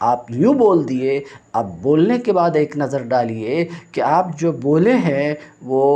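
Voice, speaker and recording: Man lecturing step by step, slightly high voice. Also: a little mellow. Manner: explains step by step, asks rhetorical check-in questions; recites textbook lines in Arabic. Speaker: religious teacher. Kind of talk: classroom lecture on logic.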